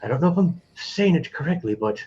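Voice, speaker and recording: A man's voice: on the high side, animated, brisk, warm tone, a little hiss or hum, pitched above the performer's own voice, natural voice. A man doing a smug noble lord. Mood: chatty. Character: male nobleman, relaxed, smug, bookish. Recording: dull lo-fi with faint music.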